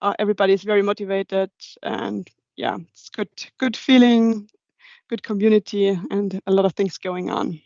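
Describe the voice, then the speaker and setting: A woman's voice: mid-range voice, steady tone, vocal fry, darkish tone, no echo. Young woman presenting, slightly muffled audio. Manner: halting, non-native English phrasing. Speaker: presenter for a young engineers' group. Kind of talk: informal slide presentation. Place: online video meeting. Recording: dull, muffled online call audio.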